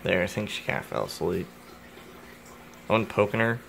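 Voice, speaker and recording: A young man with a low, gravelly voice chats through a home vlog about his reptiles. He rambles, cracks jokes and talks straight to the animals. It is caught on a phone, with faint background noise. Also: sing-song, moderate pace. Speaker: reptile keeper vlogger. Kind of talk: casual vlog. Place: home, indoors. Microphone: phone camera.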